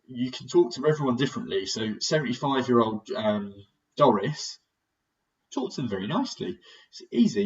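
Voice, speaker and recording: A young British man giving a conversational recorded physiotherapy lecture, plain-spoken and self-aware about sounding monotonous. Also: on the low side. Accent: British English. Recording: distant mic, dull lo-fi sound.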